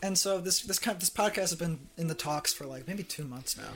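Young male podcast host, fairly high pitch, giggly and rambling, faint music bed. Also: a little fast. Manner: laughs often, rambling with fillers. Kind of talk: casual chat.

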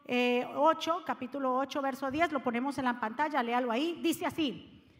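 A woman pastor giving an impassioned sermon, swinging between loud exhortation and quiet asides. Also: sits high, moderate pace, big-room sound. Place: church sanctuary.

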